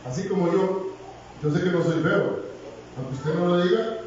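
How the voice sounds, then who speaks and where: A man delivers a lively, joking sermon in a high voice. He is picked up from afar in a very echoey church hall. The sound is dull, with a faint hiss underneath. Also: moderate pace, distant mic. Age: 60s. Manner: humorous, animated, jokes with congregation. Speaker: preacher.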